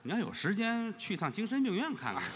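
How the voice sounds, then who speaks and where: A man performing crosstalk comedy as the lead, telling a rapid story and acting out its characters. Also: high-pitched, very animated. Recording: stage hall reverb, faint audience noise.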